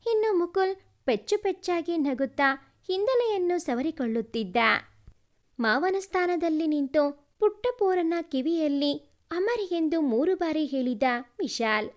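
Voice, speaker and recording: A woman narrating a romantic family story in an expressive, emotional way. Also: high-pitched.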